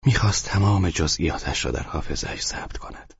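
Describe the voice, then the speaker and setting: Calm male narrator for a novel, husky and very deep, close and dry. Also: no room sound. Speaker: audiobook narrator. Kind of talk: scripted narration. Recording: dull, dry studio read.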